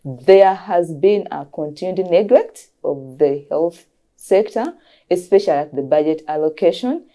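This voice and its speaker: A woman's voice: lowish voice, expressive, measured pace, warm tone. A woman, a doctor, explaining earnestly as a guest in an interview and repeating key phrases for emphasis. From Uganda.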